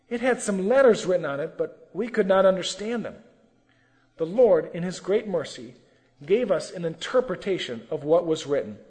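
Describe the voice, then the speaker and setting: A man's voice: high voice, darkish tone, in a large hall. A man telling a sermon testimony with earnest, emotional storytelling. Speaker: testimony preacher.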